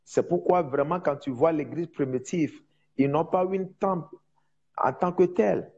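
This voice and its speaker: A man preaching in French with a foreign accent, a non-native speaker teaching informally on evangelism, with emphatic repetition and halting searches for words. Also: a little high, warm tone, husky, dull audio. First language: not French, speaks it as a second language. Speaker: preacher, prophet.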